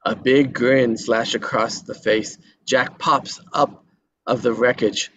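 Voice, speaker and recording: A man takes it slowly as he narrates stage directions during a table read, now and then stumbling and repeating himself. His mid-range voice is fairly bright, with fairly even intonation. Background noise runs under the dull, lo-fi recording.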